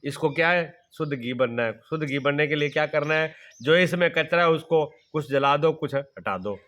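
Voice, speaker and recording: The audio is dull, and the man's fairly high, somewhat bright voice moves at a moderate pace. A middle-aged spiritual teacher, he delivers a devotional sermon built on rhetorical questions he answers himself and on folksy everyday examples he repeats often.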